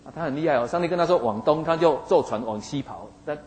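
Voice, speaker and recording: A man's voice: fairly high pitch, expressive, fast talker, a little mellow, a little hiss or hum, rough recording. A man preaching, retelling a Bible story in a folksy way and acting out the figures in it. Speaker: pastor.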